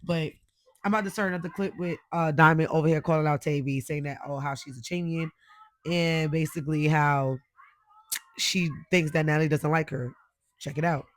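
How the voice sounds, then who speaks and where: Higher-pitched man recapping reality TV. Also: steady tone, moderate pace, no echo. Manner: slangy, asks viewers questions. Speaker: recap host. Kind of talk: casual reality show recap commentary.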